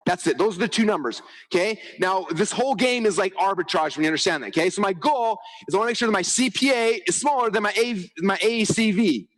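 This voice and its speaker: Speaking fast and high-pitched with hardly a pause, a man gives a live marketing talk in a conference hall, heard through a rough recording. He's an energetic storyteller who acts out quotes and often asks the audience "okay?".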